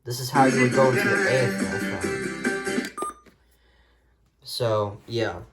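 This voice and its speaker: A man with a steady, mid-range voice speaks slowly while loud music plays behind him. Holding a phone camera, he casually shows off his radio collection hands-on, talking in a hesitant, rambling way.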